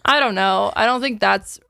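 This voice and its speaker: A woman's voice: medium pitch, a little slow, gravelly, bright, forceful tone, no echo, studio quality. A woman in her twenties co-hosting a podcast, chatting casually and filling her talk with "like". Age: 20s. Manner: chatty, fills with "like" often. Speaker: podcast co-host.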